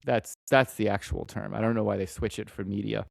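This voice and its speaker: A man's voice: lowish voice, steady tone, fairly quick, creaky, no room sound. A middle-aged man, a musician guest in a rambling, profane, joking podcast conversation. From Boston area, USA.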